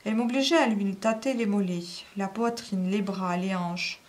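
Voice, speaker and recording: Woman reading a novel aloud. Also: mid-range voice. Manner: measured, first-person literary narration. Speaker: reader.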